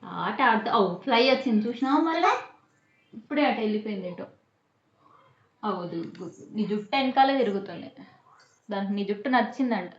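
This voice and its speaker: A woman's voice: mid-range voice, lively intonation, moderate pace, pauses often. A mother, coaxing and teasing her toddler in sing-song questions. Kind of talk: playful chat with a small child. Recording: muffled echoey home room.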